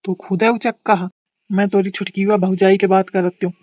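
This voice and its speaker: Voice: medium pitch, level tone, normal speed, darkish tone, no echo, lightly acted. A performer voicing a naive, simple-minded young village man with a Kanpuri accent in a cartoon comedy. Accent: Kanpuri rural Hindi.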